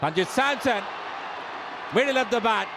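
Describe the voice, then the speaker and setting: A man giving excited cricket commentary in short, punchy phrases. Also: very high-pitched, slow. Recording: loud crowd noise around the voice. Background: cricket crowd.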